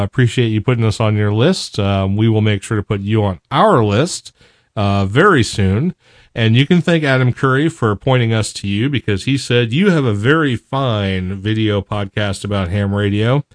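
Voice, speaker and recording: A man co-hosting a podcast in easygoing chat. His voice sits a little low, and he keeps restarting with fillers. The sound is close and dry. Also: measured pace, no room sound. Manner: chatty, many fillers and restarts. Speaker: podcast co-host. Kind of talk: casual chat.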